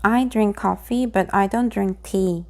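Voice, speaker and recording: A woman with a mid-range voice reads simple grammar example sentences aloud, slowly and deliberately, pausing between each one.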